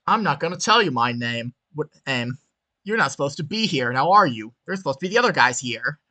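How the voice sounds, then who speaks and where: A man voicing a tall, muscular, foul-mouthed thug in a bloody yellow coat who barks demanding questions in a gruff voice. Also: on the high side, sing-song, a little fast. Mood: hostile.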